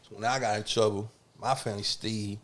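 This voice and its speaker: Man, 40s, from Germany; quick, animated, profane podcast storyteller. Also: fairly low pitch. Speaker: guest rapper.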